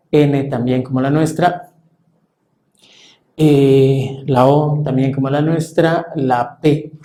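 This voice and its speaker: Male language teacher, mellow, halting delivery, roomy echo. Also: medium pitch. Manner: measured, halting with frequent fillers. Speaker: French teacher. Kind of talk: explaining pronunciation to a class.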